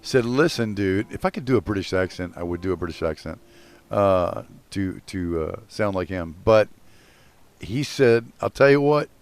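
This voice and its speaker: A man's voice: sits low, moderate pace, darkish tone. A man co-hosting a podcast in casual chat, rambling through stories and swearing freely. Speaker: podcast co-host.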